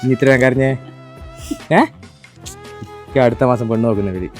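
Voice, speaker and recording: Quick, teasing young man. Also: medium pitch, a little mellow, soft background music. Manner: teasing, playful, quick-talking. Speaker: prankster video host. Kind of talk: casual family birthday surprise video.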